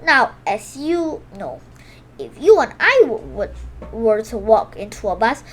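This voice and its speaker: For a children's video channel, a woman reads a picture book aloud with great expression, exclaiming the sound words and sometimes stumbling before correcting herself. Her voice is on the high side, very animated, and unhurried.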